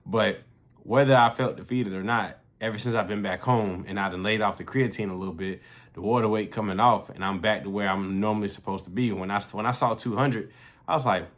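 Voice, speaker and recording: A man in his late thirties with a fairly low voice talks straight to camera about his fitness journey. His delivery is loose, slangy and profane, like chatting with friends. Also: brisk, a bit bright. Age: 30s. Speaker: fitness vlogger. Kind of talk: casual talking-to-camera vlog.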